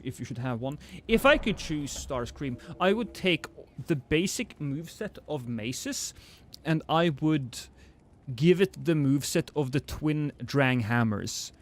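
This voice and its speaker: A medium-pitched male voice with a little hiss or hum belongs to a Norwegian streamer with a faintly British-sounding accent. He talks casually over his gameplay, reads chat, pokes fun at himself, and keeps restarting his sentences.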